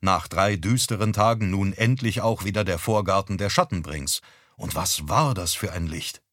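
A man reading a humorous story aloud in a wry, expressive storytelling manner. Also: low-pitched, normal speed, no echo, clean studio sound. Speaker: audiobook reader.

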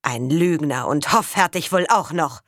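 A woman reading a stern, commanding rural father who scolds and scorns, in a loud, raised voice. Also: a little high, expressive, measured pace, no echo, clean studio sound. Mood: stern scolding.

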